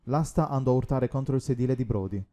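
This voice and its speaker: Man narrating in a very dark voice. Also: medium pitch, fast. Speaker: audiobook reader. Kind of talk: scripted narration.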